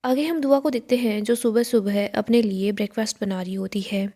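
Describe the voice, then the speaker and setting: A woman narrating a casual recap of a TV serial in a plain, steady way. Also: mid-range voice, a little fast.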